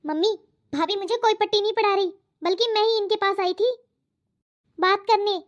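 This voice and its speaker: A spirited young cartoon daughter, voiced by a woman, arguing back in a very high voice. The sound is muffled and lo-fi. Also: normal speed. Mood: protesting. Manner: protesting, argumentative. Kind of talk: cartoon voice acting. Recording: dull lo-fi audio.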